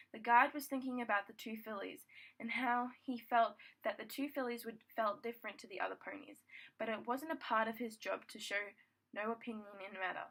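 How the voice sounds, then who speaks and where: A woman's voice: a little high, fairly bright tone, poor audio. A young woman casually reading her own fan fiction aloud, stumbling and restarting lines as she goes. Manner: stumbling, rereads words, restarts sentences.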